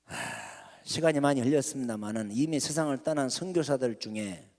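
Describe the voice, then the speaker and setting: A man's voice: mid-range voice, fairly quick, darkish tone. A male pastor preaching a sermon emphatically, asking rhetorical questions, in a church sanctuary with long reverb.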